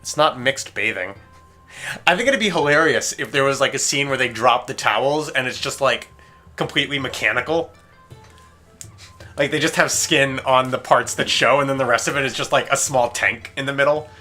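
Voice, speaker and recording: A young man hosting a let's play, chatting casually and reading game text aloud with quick asides. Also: mid-range voice, bright, forceful tone, faint music behind.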